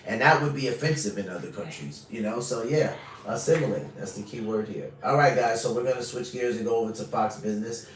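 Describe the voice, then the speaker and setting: A man's voice: medium pitch, a little fast. A man hosting a casual reaction commentary, rambling and leaning heavily on "like" and "literally.". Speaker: reaction channel host. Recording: roomy echo, mic at a distance, faint noise.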